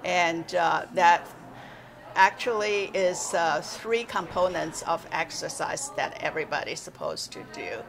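An exercise instructor, born in China and raised in Taiwan, speaks slowly in a low, gravelly voice against a noisy background. She's seated in an armchair in an indoor library room for a casual interview, talking haltingly with frequent "uh" fillers and simple grammar.

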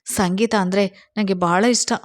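A woman's voice: medium pitch, steady tone, measured pace, no room sound, clean studio sound, natural voice. A woman reading a storybook voices a self-pitying young housewife who talks in a crying, complaining tone. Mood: plaintive.

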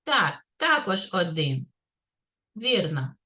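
Kindergarten teacher, woman, Ukrainian accent, slow sing-song delivery, bright tone. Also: on the low side, very animated. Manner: slow, clear, sing-song teacher talk, praising often. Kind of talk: literacy lesson for young children. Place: kindergarten classroom.

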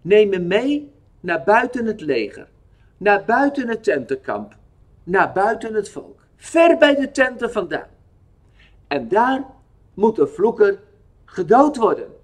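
Male narrator playing a stern, solemn God, slow measured delivery, children's Bible tale. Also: sits high, sing-song, full character voice. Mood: stern commanding. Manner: solemn, commanding.

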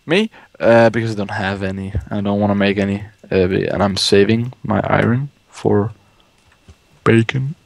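A man's voice: on the low side, fairly even intonation, moderate pace, gravelly, no room sound. Rambling young man gaming. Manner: rambling, swears when startled. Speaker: let's play host. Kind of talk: casual gaming chat.

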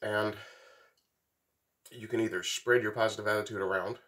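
Congested, stuffy-nosed man, low-pitched. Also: fairly even intonation, a bit bright. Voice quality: stuffy, congested nasal sound. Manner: rambling, halting, with long pauses. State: sick with a blocked nose, congested and coughing. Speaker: vlogger. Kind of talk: unscripted casual monologue to camera. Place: small wooden workshop, indoors.

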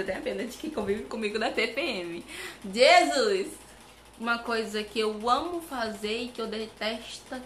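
A young Brazilian woman chatting to camera as a vlogger, animated and talkative, with many asides to her viewers, at home with a fan running. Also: a little high, roomy sound, a little hiss or hum. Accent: Brazilian Portuguese. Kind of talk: casual chat to camera.

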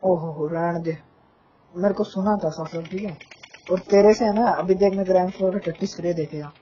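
Over a muffled, lo-fi phone line, a young gaming fan keeps up an insistent, nagging rant with playful threats. He speaks at a normal speed in a high-pitched, warm voice, with slight background noise.

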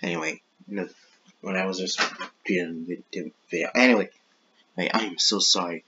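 A man's voice: low voice, fairly even intonation, moderate pace, pushed and bright, slightly rough, lo-fi sound. A man hosting his own gaming channel, talking in a casual, rambling way, often breaking off mid-thought to apologize and change course. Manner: rambling, self-interrupting, apologetic asides. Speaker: YouTube gaming channel host.

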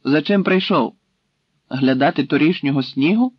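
A man's voice: fairly high pitch, moderate pace, breathy edge, dry recording. A man voicing a stern Cossack leader who questions and threatens a captive in a commanding way, in a dry, slightly dull recording.

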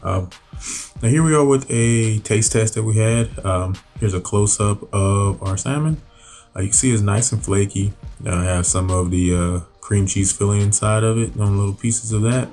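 A man with a very deep, low voice talks through his grilled recipe in an easygoing, rambling way, full of fillers and restarts. Soft background music sits faintly under his voice-over. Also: normal speed. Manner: relaxed, loose, many fillers and restarts. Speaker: cooking channel host. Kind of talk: casual voice-over narration.

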